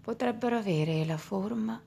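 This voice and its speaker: A woman leading a guided meditation in a slow, soft voice that often drops into a whisper. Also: medium pitch, gravelly, a little hiss or hum.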